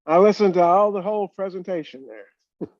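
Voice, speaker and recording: A man making slow, joking small talk at a town budget workshop. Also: high voice, lo-fi sound.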